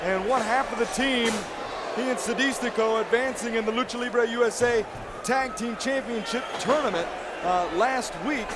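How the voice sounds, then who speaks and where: High-pitched, emphatic male lucha libre announcer. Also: normal speed, very noisy. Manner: emphatic, shouted calls. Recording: loud music behind. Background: loud music.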